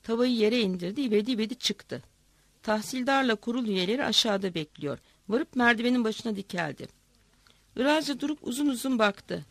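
Woman storyteller, expressive reading, higher voice, dry close sound. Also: a little fast, no room sound. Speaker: narrator.

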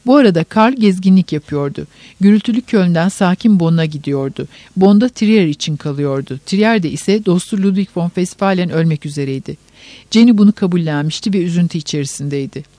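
A man narrating an audiobook in a measured, even reading. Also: sits high, dry recording.

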